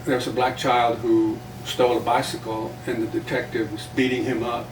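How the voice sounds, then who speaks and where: A relaxed storytelling interview features an older South Texan journalist and playwright, originally a Spanish speaker, whose medium-pitched delivery is flat. He reflects without hurry and lets out small chuckles, heard through a roomy, distant mic with a bit of background noise.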